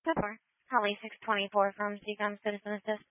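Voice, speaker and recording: Brisk woman dispatcher over police radio. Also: medium pitch, completely flat delivery, no room sound. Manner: brisk, clipped radio codes. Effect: police radio transmission. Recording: tinny, dry two-way radio.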